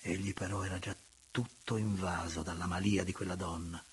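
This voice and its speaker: Low-voiced man narrating a novel. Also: breathy edge. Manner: measured, expressive, at times hushed. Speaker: audiobook narrator. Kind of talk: literary audiobook narration.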